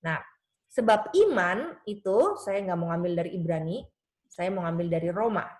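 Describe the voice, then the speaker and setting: A woman pastor giving a conversational seminar talk, telling lively stories and jumping up in pitch whenever she quotes someone. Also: moderate pace. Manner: lively storytelling that leaps high in pitch when quoting others; conversational, with frequent tag phrases. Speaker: pastor and speaker on children's faith.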